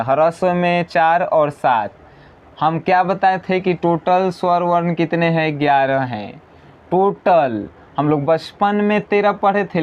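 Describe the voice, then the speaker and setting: A man teaching an exam-prep grammar lesson, slowly repeating definitions and answering his own questions. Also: on the high side, a little mellow.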